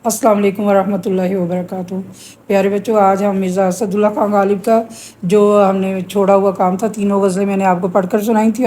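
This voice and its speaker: A middle-aged woman with a Pakistani Urdu accent teaching a poetry lesson to students, explaining patiently and reciting verses slowly. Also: medium pitch, dark tone.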